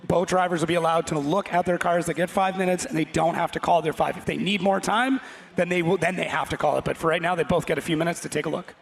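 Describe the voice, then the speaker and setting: A man's voice: a little high, steady tone, fast, creaky. A man giving live colour commentary on motorsport, emphatic and explanatory.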